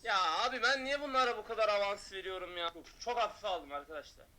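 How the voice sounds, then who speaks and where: Loud taunting young-sounding man streamer. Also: sits high, fast talker. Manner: loud, taunting, mocking shouts. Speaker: gaming streamer. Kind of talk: excited gameplay commentary.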